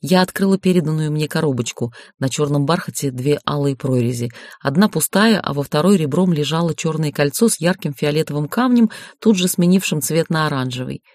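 A woman reading a first-person audiobook narration in a steady, lightly ironic way. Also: low voice, brisk, hardly any pauses, no room sound, studio quality. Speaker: audiobook reader.

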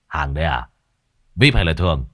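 A man's voice: very deep voice, lively intonation, normal speed, a bit bright, no echo, studio quality, voice pushed down, full character voice. A man voicing a cocky young male restaurant tout, brusque.

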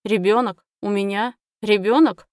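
A woman's voice: mid-range voice, brisk, no echo, clean studio sound, lightly acted. A woman voicing a young male half-elf vampire hunter who is teasing yet affectionate, in her own voice. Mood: stunned.

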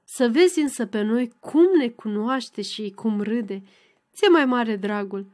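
A woman's voice: a little high, darkish tone, natural voice. A woman reading the part of a proud, cheerful young mother.

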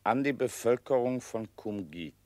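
A man voicing a sober official who reads out a Nazi occupation decree in a formal, measured way. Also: medium pitch, animated, warm tone, dry recording, natural voice. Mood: official, stern. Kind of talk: formal reading of proclamation.

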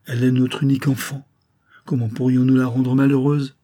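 A man voicing a gentle, elegant middle-aged noblewoman who pleads and reproaches in an audiobook. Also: medium pitch, little pitch movement, brisk, pitched above the performer's own voice, natural voice. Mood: pleading. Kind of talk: audiobook character voice.

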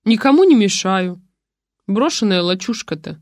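A grumpy old man living alone in a shack, grumbling short, folksy replies and brushing off his visitors, as a woman reads his lines. The voice sits at a middling pitch and sounds dry and close. This is storybook narration. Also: expressive, normal speed, darkish tone, no room sound, close to an everyday voice.

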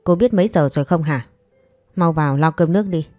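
A woman's voice: deep voice, brisk, warm tone, faint music behind, lightly acted. A woman voicing a harsh, scolding elderly mother-in-law who talks down with contempt.

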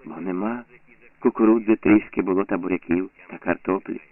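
A man's voice: deep voice, fairly even intonation, fairly quick, close to an everyday voice. A man voicing a weary, stubborn village farmer who insists plainly that his grain was already taken. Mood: insistent. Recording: tinny lo-fi phone-like sound.

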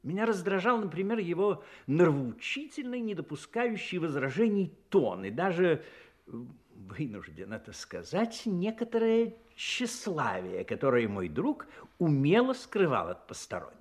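A genial retired army doctor in a radio play, with a slightly husky voice that swings widely in pitch. He is courteous and confiding, an expressive theatrical storyteller who is fond of his friend but easily piqued. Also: unhurried. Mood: confiding, slightly vexed. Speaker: narrator and character in an audio play.

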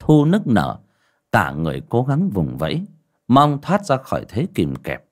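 A man's voice: mid-range voice, wildly swooping pitch, unhurried. A man narrating a horror story in a dramatic, vivid storytelling manner. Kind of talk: scripted storytelling.

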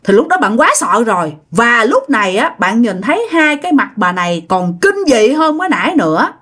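High-pitched Southern Vietnamese woman storyteller. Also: very animated, normal speed, a bit bright, slightly rough. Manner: vivid, dramatic, addresses listeners directly. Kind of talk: ghost story narration.

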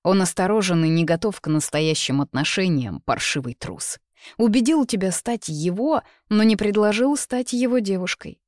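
A man's voice: high-pitched, expressive, normal speed, no room sound, clean studio sound, voice pushed up. A reader voicing a young man, a persistent and jealous suitor who pleads and turns bitter, in a read-aloud novel. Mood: scornful. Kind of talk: audiobook character reading.

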